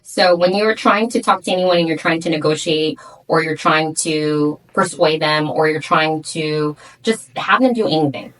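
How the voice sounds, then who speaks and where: A woman's voice: deep voice, normal speed, fairly bright tone, rough recording. A blunt, emphatic woman who owns a salon, speaking as a guest in a podcast interview and coaching the host.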